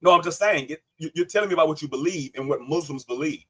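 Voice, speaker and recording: A man's voice: a little high, fast talker, bright, forceful tone, breathy edge. A man hosting a live online panel, debating insistently, cutting in and repeating his questions. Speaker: livestream host.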